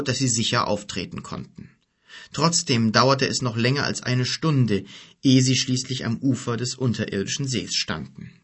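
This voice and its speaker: A man reading a fantasy novel aloud as audiobook narrator, with steady, even storytelling. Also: mid-range voice, slightly rough.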